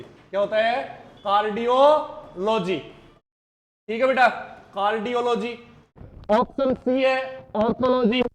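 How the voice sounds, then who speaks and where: A male teacher in a live exam-prep class, quizzing students with repeated questions and jokey mnemonics, speaking with a lilt. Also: very high-pitched.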